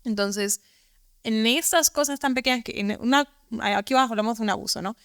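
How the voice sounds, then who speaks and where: A woman's voice: fairly high pitch, brisk, a bit bright, clear, resonant tone, no room sound, studio quality. A woman hosting a podcast, reflecting thoughtfully and often restarting her phrases. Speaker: podcast host. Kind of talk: conversational interview.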